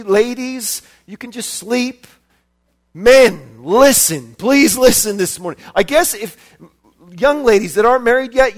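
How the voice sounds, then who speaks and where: A man preaching a sermon as a visiting preacher, impassioned, repeating his phrases and building up to shouts. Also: high-pitched.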